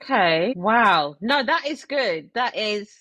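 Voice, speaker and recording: A woman's voice: medium pitch, expressive, slow pace, a bit bright, no room sound. A woman hosting a casual interview chat, affirming and encouraging her guest. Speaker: podcast host.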